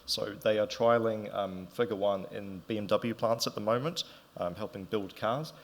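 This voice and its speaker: A man's voice: fairly low pitch, normal speed. A man giving a casual conference talk, chatty with fillers and restarts. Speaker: conference presenter. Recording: reverberant hall.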